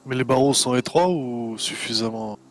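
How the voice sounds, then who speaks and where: A man's voice: medium pitch, moderate pace. A man playing a tabletop role-playing game, talking through his moves cautiously and laughing now and then. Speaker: player. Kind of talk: casual tabletop game play.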